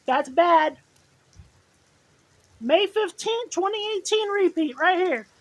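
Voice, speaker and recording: A woman giving excited live storm commentary, prone to shouting and whooping. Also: very high-pitched, takes it slowly. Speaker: amateur storm chaser filming a video. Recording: noisy outdoor storm recording with rain. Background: rain and storm ambience.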